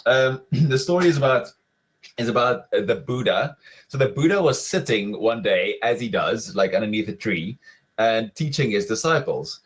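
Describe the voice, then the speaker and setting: A man's voice: mid-range voice, lively intonation, moderate pace, rough recording. Casual, chatty man giving a webinar talk. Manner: casual, frequent "like" fillers, rhetorical questions. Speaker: webinar speaker. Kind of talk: conversational webinar presentation.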